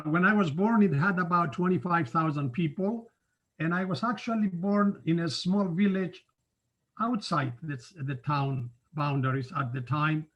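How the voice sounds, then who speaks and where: A man in his seventies from Cyprus, giving an informal online talk from his home study over a video call, unhurried and conversational with frequent filler pauses. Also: a little high, a bit bright. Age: 70s. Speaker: guest scientist speaker. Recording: dull lo-fi video call audio.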